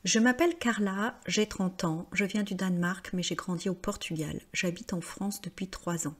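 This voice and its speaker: A woman reading aloud the words of a thirty-year-old woman who talks about her love life, in a plain, even voice. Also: fairly low pitch, husky. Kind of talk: read-aloud text.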